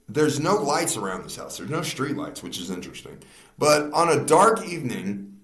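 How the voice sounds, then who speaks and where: A man's voice: medium pitch, a bit bright. A man hosting a casual podcast, reading out a true crime story with frequent laughs and stumbles over words. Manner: laughs often, slips on words and restarts. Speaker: podcast host. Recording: echoey room.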